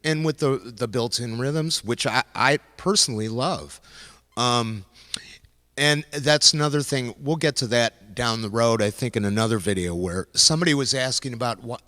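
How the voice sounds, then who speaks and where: A man chats casually about his gear in a rambling way, often stopping and starting over. His tone is bright and forward. The voice carries a long reverb tail. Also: mid-range voice. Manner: rambling, loose, frequent restarts. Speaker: host demonstrating music gear. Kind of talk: casual gear talk to camera. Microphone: handheld vocal mic into a loop station.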